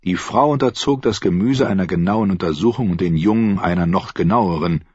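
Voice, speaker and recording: Male audiobook narrator, expressive; husky voice, dry close sound. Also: sits low, brisk, no echo, highs cut off. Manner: expressive storytelling. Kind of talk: scripted narration.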